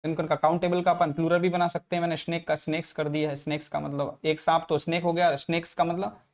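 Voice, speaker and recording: A man's voice: a little high, little pitch movement, fast talker. Man teaching grammar class. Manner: repetitive, checks in with frequent tag questions. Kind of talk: classroom lecture explaining English grammar.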